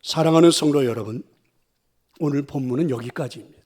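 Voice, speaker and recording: Pastor telling a story in hushed tones. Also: male voice, medium pitch, a little fast. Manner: dramatic, dropping to hushed whispers. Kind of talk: storytelling sermon.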